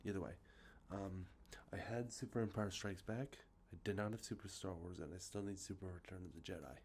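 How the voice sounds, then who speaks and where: Softly showing his collected games as an ASMR host, a sniffly, congested man talks at a fairly quick clip in a low-pitched voice. His speech meanders, full of ums, uhs, and self-corrections. He's outside near traffic, and there's a little background noise.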